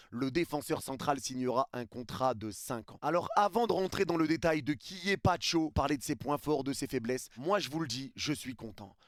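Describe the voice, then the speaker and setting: A man's voice: medium pitch, no echo, clean studio sound. A man giving emphatic, opinionated football news commentary to his viewers, repeating his points. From France. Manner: emphatic, repetitive, addresses viewers as "les gars". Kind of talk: opinionated casual commentary to camera.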